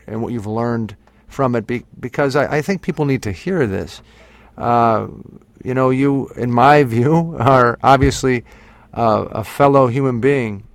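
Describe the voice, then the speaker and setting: A male interviewer asks questions in a hesitant, sympathetic way, often stammering as he restarts his sentences. His voice is mid-pitched and dry, with no room sound around it. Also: gravelly, no room sound. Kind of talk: phone interview.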